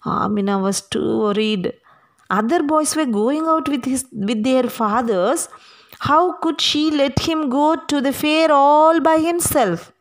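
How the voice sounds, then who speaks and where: A woman teaching a class, reading a story aloud slowly and stopping to explain it and to ask the listeners questions. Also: sits high. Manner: slow and deliberate, stretching words for emphasis.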